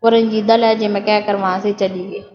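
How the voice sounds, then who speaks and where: A woman's voice: mid-range voice, level tone, darkish tone. A woman narrating a romantic novel with dramatic storytelling, in a dull, echoey recording. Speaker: audiobook narrator.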